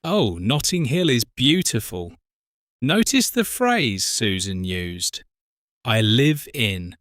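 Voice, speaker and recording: Slow, careful British man. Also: mid-range voice, big pitch swings, a bit bright, no room sound, clean studio sound. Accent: British English. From Britain. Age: 40s. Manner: slow, careful, spells out words. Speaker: co-host of an English lesson podcast. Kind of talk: slow scripted teaching talk.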